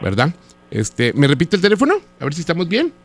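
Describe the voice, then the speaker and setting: A man's voice: fairly high pitch, huge pitch swings, brisk. A Mexican radio host making a prank phone call, teasing and flirty, drawing out his words.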